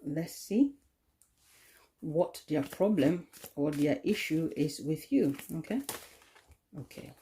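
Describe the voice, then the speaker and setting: A woman giving a tarot card reading, talking in a slow, soothing way with many "okay?" tag questions. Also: sits low, expressive, mellow, a little hiss or hum. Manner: drops into a whisper at times. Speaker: tarot reader.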